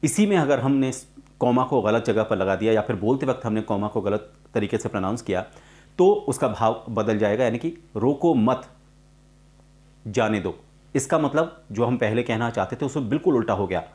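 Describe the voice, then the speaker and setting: A man in the middle of a spoken voice-over lesson. He talks slowly and deliberately, pausing between phrases. He fills gaps with "uh", in a voice of ordinary pitch. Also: a little mellow. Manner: slow, deliberate pauses; frequent "uh" fillers. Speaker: voice-over teacher.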